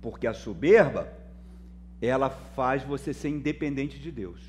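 Calling his listeners brother, a Brazilian Portuguese-accented pastor moves between loud emphasis and quiet moments during his sermon. He speaks at a medium pitch, expressively and unhurried, over a little hiss or hum.

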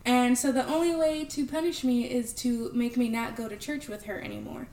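A woman's voice: a little high, expressive, moderate pace, darkish tone. A young woman co-hosting a podcast in casual chat, blunt and joking and swearing freely. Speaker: podcast co-host. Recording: roomy, faint background noise.

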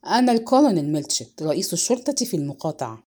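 A woman voicing a stern middle-aged male police chief who speaks in a gruff, clipped, controlled way, in a storybook reading. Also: fairly low pitch, sing-song, rapid-fire, mellow, pitched below the performer's own voice. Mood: formal.

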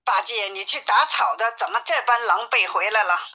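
Tang Sanzang, a woman reading as a gentle monk master. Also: mid-range voice, moderate pace. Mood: puzzled. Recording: tinny phone-like sound.

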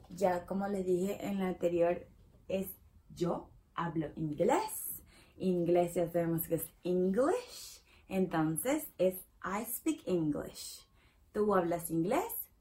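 A woman's voice: mid-range voice, mellow. A woman teaching a basic English lesson in Spanish, patiently repeating each example and checking in with the viewer. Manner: says the English model sentences extra slowly.

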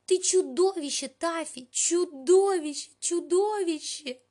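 A woman's voice: sits high, lively intonation, normal speed, warm tone, voice pushed up. A woman voicing a distraught little girl who wails and shrieks accusations. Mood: wailing.

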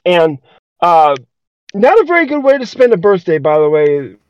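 A man's voice: sits high, big pitch swings, moderate pace, no echo. A man co-hosting a podcast, telling a story in a casual, rambling way, full of hesitations and restarts. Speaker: podcast co-host. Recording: dull lo-fi dry recording.

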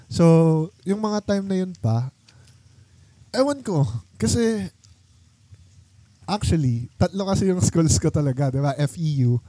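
A man's voice: sits high, lively intonation, unhurried, pauses often, dark tone, no echo. A young man hosting a casual chat with old friends, telling a story in a rambling way with many fillers. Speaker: podcast host.

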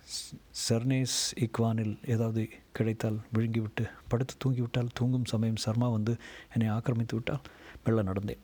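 A man reading a novel aloud in a measured, steady storytelling voice. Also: mid-range voice, slightly rough. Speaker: narrator.

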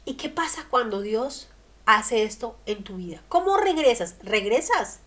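Woman, radio preacher, higher-pitched voice, emphatic delivery with rhetorical questions. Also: expressive, a little slow. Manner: emphatic, rhetorical questions, swings loud and soft. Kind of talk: sermon on the radio.

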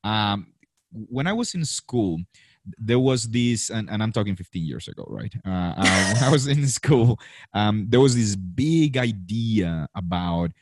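A man's voice: fairly low pitch, animated, a little slow. A man in his thirties hosting a live interview over a video call, chatty and full of fillers and restarts. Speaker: host.

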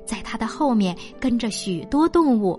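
A woman reading a children's story aloud in a gentle, expressive storyteller manner. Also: a little high, normal speed, faint music behind.

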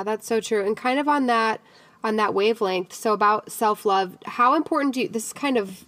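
A woman hosting a podcast in casual conversation, affirming her guest and asking questions. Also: medium pitch. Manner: affirming, chatty, asks questions. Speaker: podcast host.

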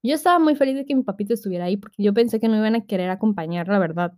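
A woman's voice: medium pitch, very fast, a little mellow, no room sound, clean studio sound. A nineteen-year-old woman with a Mexican accent hosting a casual podcast, telling stories in a chatty, slangy way and acting out what people said. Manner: slangy, chatty, acts out quoted voices. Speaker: podcast host. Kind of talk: casual storytelling monologue.

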